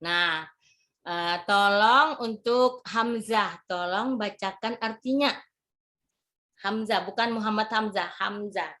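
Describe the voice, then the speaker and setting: A woman's voice: medium pitch, slow, bright, forceful tone. A woman teacher, leading a classroom lesson in a motherly, repetitive instructing manner. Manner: motherly instructing, repeats words and phrases. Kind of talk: classroom lesson on Quran reading.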